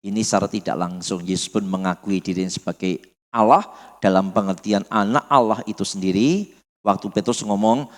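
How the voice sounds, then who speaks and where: Preacher in a reverberant hall. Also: male voice, fairly low pitch, fairly quick. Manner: rhetorical questions, swings from loud to near-muttered. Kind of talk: teaching sermon. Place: church hall.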